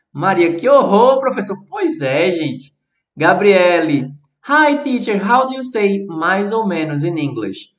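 Brazilian guy, high voice, chatty english lesson on a phone livestream, echoey room. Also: fairly bright tone. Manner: chatty, reads chat messages aloud and answers them. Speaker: English teacher. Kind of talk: casual livestream teaching. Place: alone at home, livestreaming. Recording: roomy echo.

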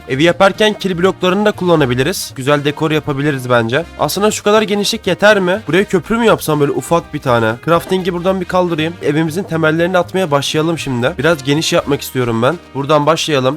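A man's voice: fairly high pitch, fairly bright tone. Young man chatting over a game. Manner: chatty, talks to the game mobs, slangy. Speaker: gaming YouTuber. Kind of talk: casual let's-play commentary. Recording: music faint behind voice.

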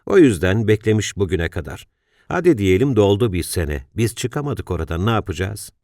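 A man's voice: fairly low pitch, big pitch swings, normal speed, warm tone, no room sound, studio quality. A man voicing a worried older father, a retired civil servant, who talks in an anxious, earnest way with sighs.

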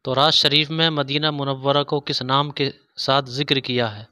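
Crisp, bright-voiced man reading quiz questions. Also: mid-range voice, steady tone, dry recording, studio quality. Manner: reads each question, pauses over the options, then states the answer. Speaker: quiz host. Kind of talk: scripted quiz narration.

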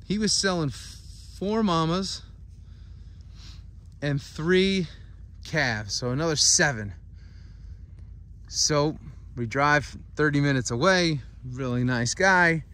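Strolling through a pasture with cattle, an American farmer and channel host tells a loose, filler-heavy story for his vlog, captured on a handheld phone in the open. His voice is a little high and sharp, with lively intonation and a slow pace.

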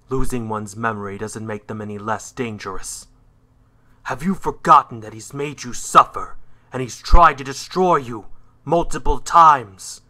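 A man's voice: medium pitch, bright, forceful tone. A man voicing a brooding, edgy hedgehog antihero in a cartoon style, proud and menacing, with a curt, scornful delivery. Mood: threatening. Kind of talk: fan character voice reel, dramatic cartoon acting.

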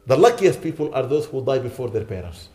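A man's voice: medium pitch, sing-song, a little fast, mellow. A man delivering a sermon as a sheikh, urging his listeners with repeated rhetorical questions. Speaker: sheikh giving a lecture. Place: lecture hall.

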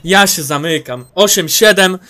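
A high, bright-voiced man calls out his shooter match live, his pitch leaping all over as he yells orders and swears at teammates. Faint noise sits under the voice. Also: a little slow. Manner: excitable, shouting callouts, swearing, mocking teammates. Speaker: gamer commenting on his match. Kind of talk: live gameplay commentary.

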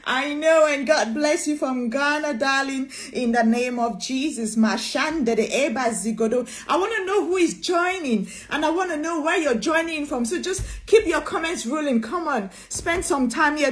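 A woman preacher from Cameroon leads a live-streamed church session, greeting viewers one by one and praising God with lively energy. Her voice sits on the high side, recorded close on a phone camera in a small room. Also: moderate pace, hardly any pauses.

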